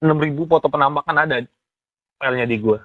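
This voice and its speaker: A young man with a Jakarta Indonesian accent explains things in casual chat, haltingly, often searching for words. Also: on the high side, no room sound, phone-quality sound. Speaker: ghost photographer being interviewed.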